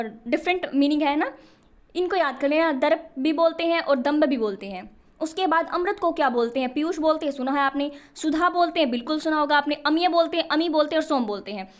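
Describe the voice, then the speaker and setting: High-voiced woman teaching Hindi. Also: fairly bright tone. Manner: patient, explanatory, checks in with "ठीक है". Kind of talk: Hindi exam lesson.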